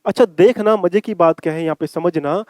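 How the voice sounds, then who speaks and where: Guy teaching grammar, kinda high voice, dry close sound, keeps asking if u got it. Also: darkish tone, no echo. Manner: coaxing, repeats points, asks 'ठीक है?' often; slow drawn-out English example sentences. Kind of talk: exam-prep grammar lesson in Hindi with English.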